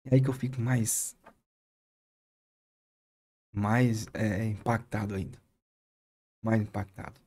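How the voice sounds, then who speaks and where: A man, a pastor with a Brazilian accent, earnestly retelling a moving experience as a podcast guest, with halting restarts. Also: fairly low pitch, steady tone, a little mellow, husky. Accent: Brazilian Portuguese. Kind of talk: podcast interview storytelling.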